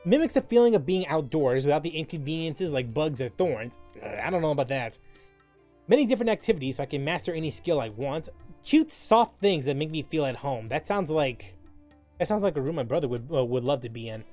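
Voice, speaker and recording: A gaming streamer with a higher, slightly mellow male voice chats casually on stream, reading quiz questions aloud and reacting to them. He's informal and rambling, with some mild profanity.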